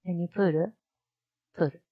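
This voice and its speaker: Woman streamer, low-pitched, unhurried delivery, thinks out loud and repeats lines to practice; dull lo-fi stream audio. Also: steady tone, slightly rough, no echo. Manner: muses aloud, repeats lines slowly to practice. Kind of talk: casual live-stream commentary.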